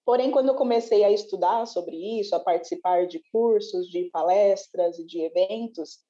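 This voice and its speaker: A woman's voice: medium pitch, normal speed, warm tone, dull audio. A woman, a guest on a panel, telling her story reflectively and often adding tag questions. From Brazil. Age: 20s. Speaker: panel guest, community CEO. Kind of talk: conversational panel interview.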